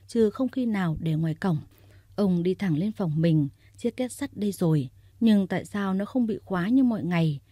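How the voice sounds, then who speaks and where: A woman reading a story aloud in a steady, even narrating voice. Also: lowish voice, husky, no room sound, clean studio sound.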